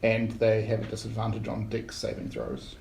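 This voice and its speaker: A man playing in a tabletop game, chipping in quick, helpful reminders. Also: lowish voice, completely flat delivery, vocal fry, background noise. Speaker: player. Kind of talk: casual tabletop game chat. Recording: echoey room.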